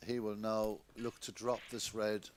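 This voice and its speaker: A man giving hushed, measured snooker commentary in an understated way. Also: fairly low pitch, flat delivery. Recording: noisy commentary recording with clicks.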